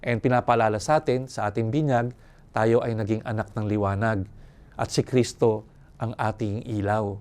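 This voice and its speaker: Older male priest from Manila; relaxed storyteller's sermon, chatty, chuckling asides. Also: on the low side, normal speed. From Manila, Philippines. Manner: conversational, chuckles and asks "no?" often. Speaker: priest giving a retreat talk. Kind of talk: reflective sermon with personal stories.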